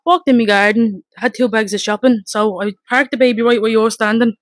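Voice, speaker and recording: A woman with a Dublin accent giving a blunt, rapid, emotional first-hand account, swearing and re-enacting her shouts, outdoors in front of her home. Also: on the high side, fairly even intonation, no room sound. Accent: Dublin Irish. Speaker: mother telling her story.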